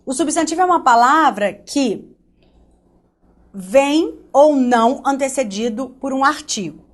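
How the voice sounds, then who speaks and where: A woman from Brazil teaching an online grammar lesson, lively and joking, speaking straight to the student. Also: sits high, measured pace.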